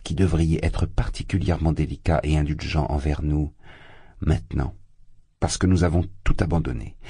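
A man's voice: very deep voice, dark tone, husky, dry recording, clean studio sound, heavily acted. A man reading the lines of a protective older mother in an audiobook, reproachful and heated in turn.

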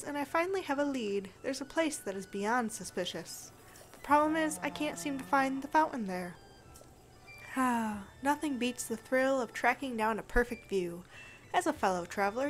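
A cheerful, chatty old traveling artist, as a woman reads his lines aloud in a game. He talks eagerly about the scenery in a friendly storytelling tone. The voice sits a little high. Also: animated, normal speed, soft background music.

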